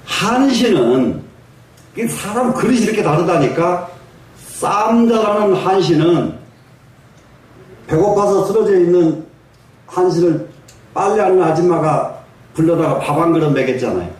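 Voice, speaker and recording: An older male monk tells folksy stories in a fairly high voice, now and then prodding the audience for a reply. He is picked up from a distance in a very echoey hall, with a faint hiss underneath. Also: lively intonation, measured pace, pauses often, a little mellow. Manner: folksy storytelling, asks the audience for replies and chuckles. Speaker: Buddhist monk giving a dharma talk. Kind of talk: sermon. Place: large echoing meditation hall.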